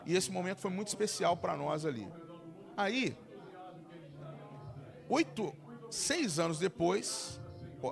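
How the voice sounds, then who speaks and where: Gravelly Brazilian pastor telling a testimony. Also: male voice, medium pitch. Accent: Brazilian Portuguese. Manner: animated storytelling with frequent halting restarts. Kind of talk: sermon testimony told as a story. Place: church service.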